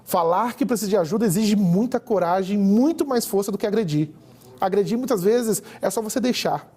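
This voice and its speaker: A man's voice: sits high, a little fast, dark tone. A man with a Brazilian accent, a psychologist giving an earnest teaching talk at a church. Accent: Brazilian Portuguese. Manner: earnest, teaching tone with quoted examples.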